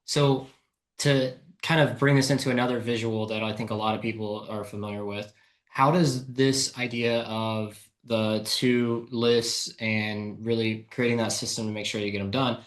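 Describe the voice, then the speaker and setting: A man's voice: fairly low pitch, fairly even intonation, normal speed. A man hosting an interview, thinking aloud casually and asking long follow-up questions. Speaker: host, interviewer. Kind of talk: conversational interview.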